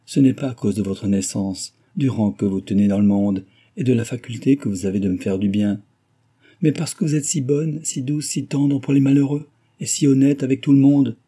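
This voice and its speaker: A man's voice: mid-range voice, moderate pace, dark tone, slightly rough, voice pushed up, close to an everyday voice. A man voicing an earnest, adoring young woman of modest rank who speaks effusively, in a novel reading. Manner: effusive, eager.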